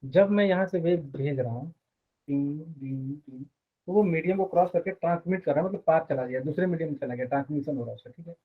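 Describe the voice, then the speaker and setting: A man's voice: fairly high pitch, breathy edge. Teacher with a phone-like sound, man. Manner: explains step by step, quizzes students with quick questions. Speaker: physics teacher. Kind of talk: live online class.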